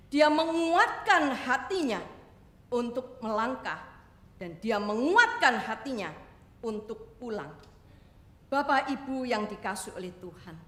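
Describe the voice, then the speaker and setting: A woman's voice: fairly high pitch, fairly bright tone. A woman evangelist telling a story in a sermon, often turning to address the congregation. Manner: addresses congregation often, voices characters in quotes. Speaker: evangelist preacher. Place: church hall. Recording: echoey church hall with faint noise.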